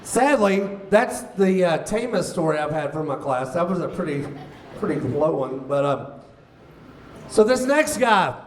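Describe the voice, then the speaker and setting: High-voiced man telling a stand-up story. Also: a little slow, a little hiss or hum. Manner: animated, acts out quoted voices. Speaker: comedy teacher and show host. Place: live venue with audience. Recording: roomy live venue, somewhat distant mic, faint ambience.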